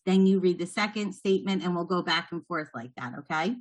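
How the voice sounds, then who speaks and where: A woman's voice: fairly low pitch, brisk. Woman trainer explaining step by step. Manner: patient, encouraging, explains step by step. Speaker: trainer leading a training session. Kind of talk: instructional talk to trainees.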